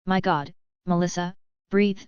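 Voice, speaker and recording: A woman's voice: lowish voice, steady tone, measured pace, a little mellow, smooth, no room sound, lo-fi sound, natural voice. A woman reading the lines of a distraught young scientist in an emotional way.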